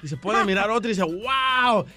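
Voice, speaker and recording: A man, a radio DJ and co-host, telling jokes in an animated way. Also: sits high, racing, faint music behind. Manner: animated storytelling.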